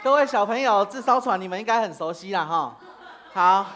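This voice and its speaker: A woman's voice: mid-range voice, expressive, brisk, crowd noise, noisy background. A woman, a preacher leading children in a playful church game, calling out commands and laughing often. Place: church sanctuary.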